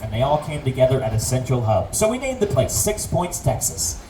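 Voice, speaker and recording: A tour guide delivering lively scripted narration with a theatrical, joking manner and mock alarm, outdoors on a tram. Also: mid-range voice, fairly quick, background noise.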